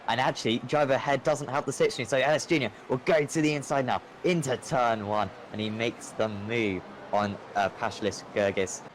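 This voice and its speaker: A male motorsport commentator calls a race play-by-play in an excitable style. His voice is mid-range and lifts with the action. Race car engines are clearly audible behind him. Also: medium pitch, a little fast, hardly any pauses, a little hiss or hum, rough recording. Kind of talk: live sim racing commentary.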